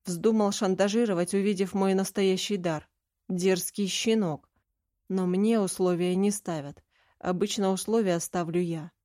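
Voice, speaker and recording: A woman's voice: medium pitch, fairly even intonation, measured pace, warm tone, no echo, clean studio sound, natural voice. A woman voicing a stern, secretive young male mage who speaks in a curt, cutting way, in an audiobook reading.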